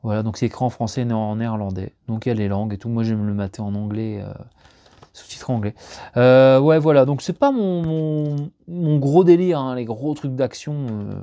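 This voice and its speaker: A chatty man talks through an unboxing at home, rambling with plenty of fillers and false starts. His voice is mellow and warm, recorded close and dry on a camera mic, and it jumps higher whenever something excites him. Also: brisk, no echo. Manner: lively, jumps up in pitch when excited. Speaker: YouTuber unboxing discs. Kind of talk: casual unboxing chat.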